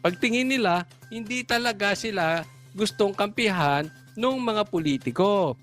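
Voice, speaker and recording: High-pitched mocking male commentator. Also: animated, unhurried, fairly bright tone, faint music behind. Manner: mocking, sarcastic rhetorical questions. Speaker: reaction video commentator. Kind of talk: political reaction commentary.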